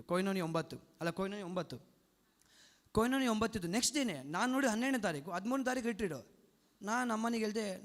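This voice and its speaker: A young man giving an earnest, emotional personal testimony at a church retreat, often restarting his sentences. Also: high voice. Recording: long hall reverb.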